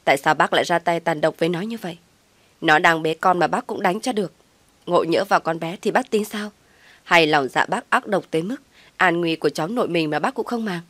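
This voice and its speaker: A woman's voice: lowish voice, fairly quick, fairly bright tone, no echo. A woman voicing a stern, protective older brother who speaks threateningly, in a storybook reading.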